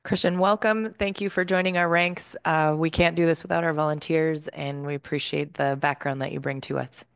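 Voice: mid-range voice, fairly even intonation, moderate pace, vocal fry, clean tone, no echo, clean studio sound. A board commissioner speaking formally at a public meeting. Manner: formal, welcoming.

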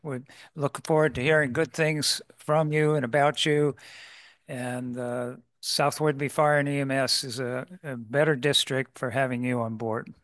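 A man serves as chair of a public board meeting. He calls motions and votes in a formal, procedural way, pausing often. His voice is mid-pitched and recorded dry. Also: steady tone, a bit bright, no echo. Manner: formal, procedural, halting with fillers. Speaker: commission chair.

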